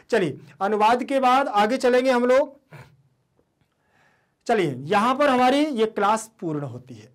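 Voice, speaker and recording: A man giving an online lesson and walking students through a Sanskrit text. He says each meaning twice and keeps asking questions he then answers himself. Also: high-pitched. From India. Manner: repeats each meaning and asks rhetorical questions. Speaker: teacher.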